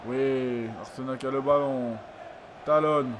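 A man commentating his own football video game match, excitable and repeating his exclamations, sounding freshly woken up. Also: mid-range voice, measured pace. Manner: excitable, repeats phrases, lots of ooh-la-la exclamations. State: just woke up, yawning. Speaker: gaming YouTuber. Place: home room at a computer. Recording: noisy home recording.

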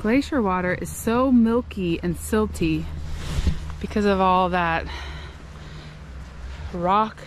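A travel vlogger in her thirties narrates casually from a foggy lake shore, chatty, enthused and marvelling at the scene. Her medium-pitched voice moves slowly, with long pauses. Shot on a handheld action camera, the audio picks up wind and water noise outdoors.

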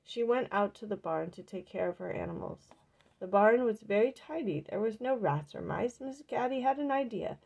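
Casting note: woman storyteller reading a picture book aloud, gravelly and creaky, mid pitch. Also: lively intonation, normal speed, darkish tone.

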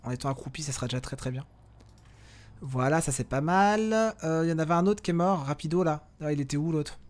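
A man narrating his gameplay in a loose, chatty way, often stopping to correct himself and calling out to his companions. His voice sits a little high for a man. He turns quiet and hushed when his character sneaks. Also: fairly quick. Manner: chatty, self-correcting, talks to viewers and game companions; drops to a hushed voice while sneaking. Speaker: gaming video host. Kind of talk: casual let's-play commentary.

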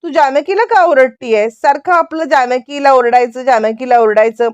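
A calm mother-in-law talks down someone's fears in a soothing, brushing-off way, voiced by a woman narrator. Her voice is high and the recording is dry. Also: moderate pace, clear, resonant tone, dry recording, lightly acted. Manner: soothing, dismissive of worries.

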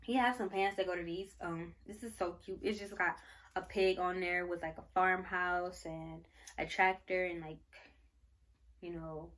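A young pregnant woman from Michigan in the United States speaks in a lowish, steady, fairly bright voice at a moderate pace. Vlogging a casual baby haul show-and-tell, she gushes over baby clothes, rambling with many fillers and getting briefly out of breath.

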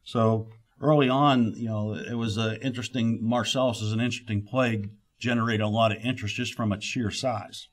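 A middle-aged man speaks at a conference podium into its microphone, with a slightly low voice. He is a geologist delivering a keynote, and he talks haltingly, full of "uh" fillers and restarted phrases. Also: steady tone.

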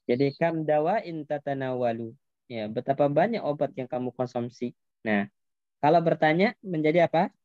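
A man's voice: on the high side, normal speed, no echo, narrow, tinny audio. A man teaching an Arabic grammar class, patiently explaining step by step and quizzing his students.

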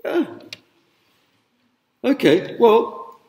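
A middle-aged man lecturing in a large hall, his voice booming with long reverb. He talks casually and asks the students questions, using lots of fillers, in a mellow, somewhat high tone. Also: sing-song, drawn-out words, dull audio, slight background noise. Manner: conversational, rhetorical questions, many fillers. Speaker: university lecturer. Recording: echoey hall, speaker away from mic.

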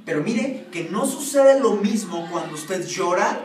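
A male pastor preaches a sermon in a church hall, often putting questions to his congregation. His voice is high-pitched and animated, at a measured pace. The recording is noisy and echoey, captured from far off.

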